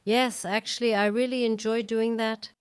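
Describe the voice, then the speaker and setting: A woman in her fifties speaks as an interview guest, reflective and unhurried, often pausing on ums and restarting her thoughts. Her voice is strikingly clear, and it is recorded dry and close. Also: on the high side, level tone, no echo. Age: 50s. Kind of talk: conversational interview.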